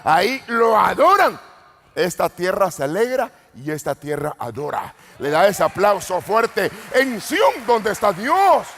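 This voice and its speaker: Fiery preacher man in an echoing hall. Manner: swings between low murmurs and sudden shouted exclamations, calls to the congregation. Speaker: apostle preaching. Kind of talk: Pentecostal sermon. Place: church retreat hall. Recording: long hall reverb.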